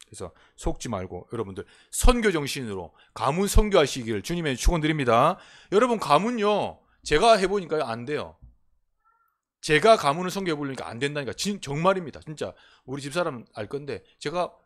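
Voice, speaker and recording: Korean male pastor, animated and fairly high, alternates forceful declarations with soft asides from the pulpit. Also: fairly quick. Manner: swings between emphatic proclamation and quiet, intimate asides. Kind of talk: sermon. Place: church sanctuary.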